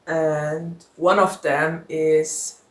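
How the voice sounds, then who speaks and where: This book YouTuber, a woman whose first language is German, chats casually with her viewers in a Q&A vlog, frank and laughing often. Her voice is low and level in tone, and she talks extremely slowly. The room sounds echoey.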